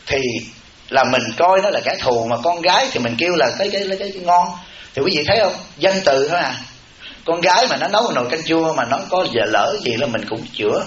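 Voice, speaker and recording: Male monk, higher-pitched, folksy joking dharma talk; echoey, dull live recording, audience laughter behind. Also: a bit bright. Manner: folksy and teasing, repeats words for comic effect.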